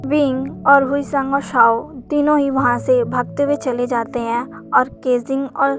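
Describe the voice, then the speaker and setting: A woman retelling a fanfic story in steady, plain narration. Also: sits high, measured pace, music in the background.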